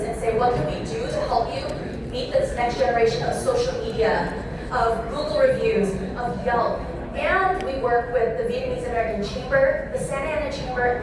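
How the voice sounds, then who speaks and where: An eager woman in her thirties answers questions on a panel in a high, lively voice. She stands back from the mic in a big, very echoey room. A crowd murmurs behind her. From born in Thailand, raised in Southern California. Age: 30s. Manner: upbeat, eager, talks through lists. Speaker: city council member. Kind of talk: panel discussion remarks. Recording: echoey hall, distant mic, crowd noise.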